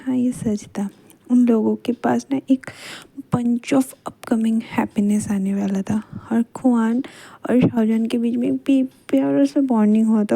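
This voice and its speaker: A woman casually retelling a fan fiction story in a soft, half-whispered way, with chatty fillers. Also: on the high side, gravelly, breathy edge.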